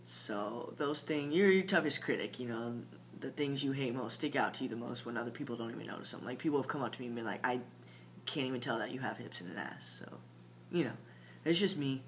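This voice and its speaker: A young vlogger talks a little fast with lively intonation, his medium-pitched voice fairly bright. Rambling through a casual video diary at home at night, he uses lots of fillers and sometimes drops to a mumble, with a faint hum in the background.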